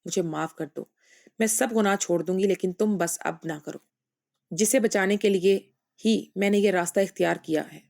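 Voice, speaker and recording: A woman's voice: medium pitch, gravelly, darkish tone, lightly acted. A woman voicing a worried, stern middle-aged mother who talks firmly in a storybook reading. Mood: pleading.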